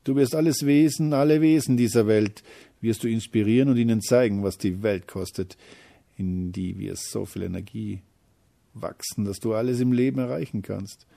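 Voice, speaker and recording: A boastful, pushy storybook feeling called Courage, acted out by a man. He talks loudly and fast with a gravelly, dark voice. He sounds a little husky. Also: on the low side, flat delivery, exaggerated voice.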